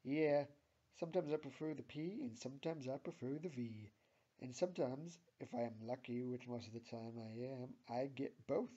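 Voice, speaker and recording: A man's voice: medium pitch, expressive, normal speed, a little mellow, muffled recording. A man voicing a cocky, sarcastic teenage girl.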